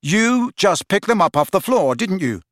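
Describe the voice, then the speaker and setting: In an audiobook, a man voices a sensible, exasperated teenage boy, sounding matter-of-fact and impatient. He pitches the voice a little high, above his own natural voice, with big pitch swings, an unhurried pace and a slightly bright tone. The studio recording is clean, with no echo.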